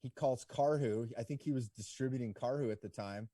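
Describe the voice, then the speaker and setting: Relaxed, mellow-voiced man telling stories. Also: mid-range voice, a little fast, dry recording, clean studio sound. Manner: relaxed, rambling delivery full of "like" and "you know". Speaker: podcast guest, ski business owner. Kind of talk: casual interview storytelling.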